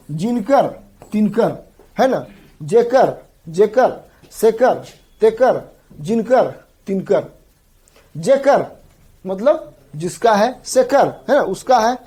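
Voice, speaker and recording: A man's voice: extremely high pitch, a little mellow, slightly rough. A male teacher giving an exam-prep grammar lecture, repeating each term several times and often checking in with the students. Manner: repeats terms drill-style, often checks in with the class.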